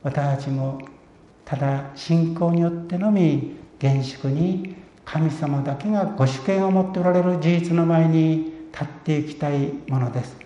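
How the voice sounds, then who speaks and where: A man preaching a sermon in an earnest, measured way. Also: on the high side, warm tone. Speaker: pastor. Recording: echoey room, dull lo-fi sound.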